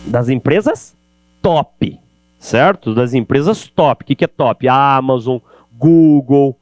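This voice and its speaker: Palestrante brasileiro animado, voz seca com zumbido. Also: male voice, mid-range voice, slow, dry recording. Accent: Brazilian Portuguese. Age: middle-aged. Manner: animated, addresses audience directly with rhetorical questions. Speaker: keynote speaker on sales. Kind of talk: energetic business lecture. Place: event hall.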